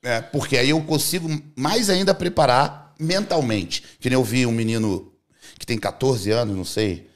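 A man's voice: medium pitch, normal speed. A man talking casually as a podcast guest in a studio, speaking off the cuff.

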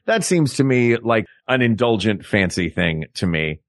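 A man co-hosting a comedic podcast, talking in a playful, animated way and building up his jokes. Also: on the low side, a little slow, no echo. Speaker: podcast co-host. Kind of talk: comedic casual chat.

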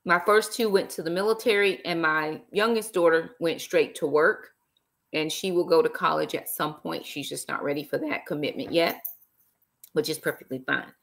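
Middle-aged woman chatting on a laptop webcam live stream, lowish voice, says y'all, easygoing and talky. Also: normal speed, gravelly. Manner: chatty and warm-hearted, uses y'all and praise interjections. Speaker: author and live-stream host. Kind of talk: casual live-stream chat. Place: small room indoors, seated in an armchair.

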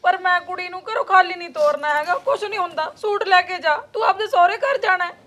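An actress playing a caring sister-in-law who comforts and insists. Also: female voice, very high voice, quick pace, fairly bright tone.

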